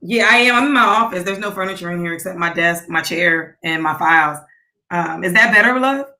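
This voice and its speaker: A woman's voice: on the low side, fairly quick, pushed and bright. A woman speaking on speakerphone from a nearly empty office, so she sounds far away, chatting casually on a livestream show. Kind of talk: casual debate chat. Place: near-empty office with an echo. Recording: echoey speakerphone audio in a bare room.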